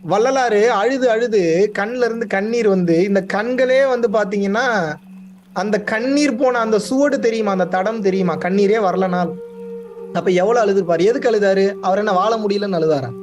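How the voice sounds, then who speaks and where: A man's voice: high voice, moderate pace, darkish tone, a little hiss or hum. A young man speaking as a spiritual teacher, explaining to his listeners with emphatic repetition and frequent questions. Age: young adult. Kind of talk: spiritual discourse to an audience.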